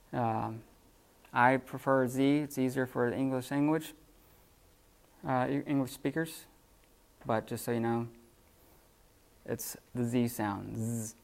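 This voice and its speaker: A man teaching a classroom lesson off the cuff, halting with many fillers and restarts. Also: medium pitch, vocal fry. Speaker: Greek teacher.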